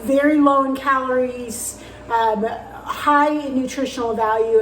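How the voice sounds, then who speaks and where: A woman with a slightly high voice talks casually in her kitchen, rambling a little and filling pauses with ums. There is a faint hiss behind her. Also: poor audio. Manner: chatty, loose with frequent ums. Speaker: vlogger. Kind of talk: casual home vlog. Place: home kitchen.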